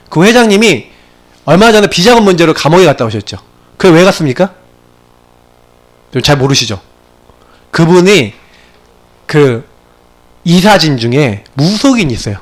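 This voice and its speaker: A male pastor preaching a sermon to his congregation in a church, swinging between emphatic bursts and hushed asides. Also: fairly high pitch. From Gyeongsang region of Korea. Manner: animated preaching with sudden loud peaks and quiet asides. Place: church sanctuary.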